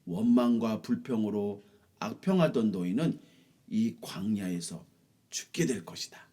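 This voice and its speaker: A man's voice: on the low side, unhurried, dark tone, pitched below the performer's own voice. A man voicing Moses as an earnest leader who pleads with God and then sternly addresses the people. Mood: stern, judging. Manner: earnest, imploring.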